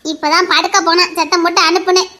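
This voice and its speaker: A woman's voice: very high-pitched, flat delivery, quick pace, bright, forceful tone. A woman playing a protective middle-aged mother who defends her son and argues with her husband in a pleading, reasoning way. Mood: defensive. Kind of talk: amateur audio drama.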